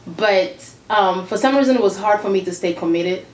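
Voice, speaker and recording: A woman's voice: medium pitch, moderate pace, a little mellow. A woman who was born in Congo DR and grew up in Zambia, a gospel singer giving a casual interview, earnest, repeating herself and laughing often. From Congo DR, raised in Zambia. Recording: echoey room with faint noise.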